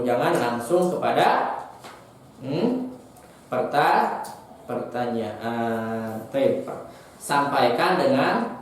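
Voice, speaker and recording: A teacher with a Sundanese accent giving a patient lesson to primary school children, repeating key words and asking them questions. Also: mid-range voice. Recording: echoey room recording.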